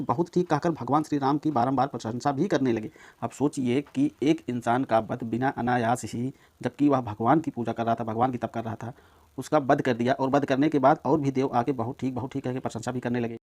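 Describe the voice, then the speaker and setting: Male reader, mid-range pitch, steady explanatory read of a translated text. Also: a little fast. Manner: steady, explanatory, citing page and verse. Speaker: scripture reader. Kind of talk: reading a translated text aloud with commentary.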